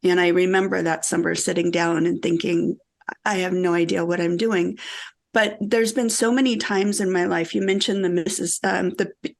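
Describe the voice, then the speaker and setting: A middle-aged woman from the American Midwest, a guest author telling stories in a casual podcast conversation, animated and quick to laugh. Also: fairly low pitch, gravelly. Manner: animated storytelling, laughs often.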